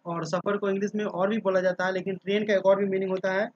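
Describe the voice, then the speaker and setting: A man's voice: high-pitched, little pitch movement, fast talker, no echo. A man teaching English vocabulary in a casual spoken lesson, spelling each word out letter by letter and often checking in with his listeners. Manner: drills words by spelling them out letter by letter. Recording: dull, dry lo-fi sound.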